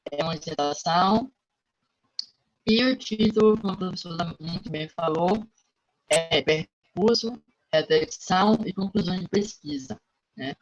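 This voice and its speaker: A man's voice: high-pitched, unhurried. A man speaks through a computer microphone on a video call, his voice cutting in and out as the connection breaks up. The sound is dull and lo-fi. He talks formally and hesitantly, with many fillers and restarts. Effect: choppy internet audio cutting out. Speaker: conference presenter of his master's dissertation.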